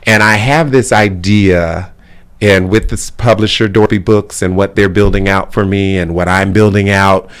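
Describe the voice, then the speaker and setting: Middle-aged man, lowish voice, talk show guest, loose chatty delivery with lots of fillers. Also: steady tone, moderate pace, clean tone. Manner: chatty, heavy on "you know" fillers. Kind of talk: casual interview conversation.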